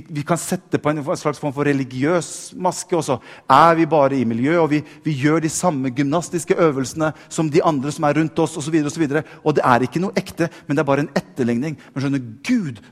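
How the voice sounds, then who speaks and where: Fervent male preacher in a reverberant hall. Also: fairly high pitch. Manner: repeats words when building up, grows more fervent. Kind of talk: sermon.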